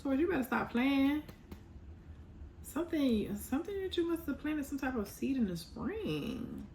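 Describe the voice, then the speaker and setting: A young woman doing a casual tarot reading, blunt and animated, teasing and scolding her viewers. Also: sits high, normal speed, a little hiss or hum. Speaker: tarot reader.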